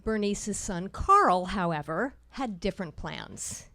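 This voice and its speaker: At a small live storytelling night, a woman shares a personal story onstage in a measured, wry manner, timing her dry jokes carefully. Her mid-pitched voice is bright and forceful, with lively intonation.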